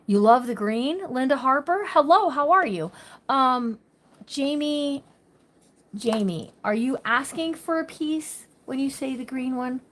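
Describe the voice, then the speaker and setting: A woman's voice: sits high, animated, a little slow. Chatty woman hosting a craft livestream. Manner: chatty, talks to viewers by name, thinks aloud; says she talks loud. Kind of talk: casual craft livestream chat.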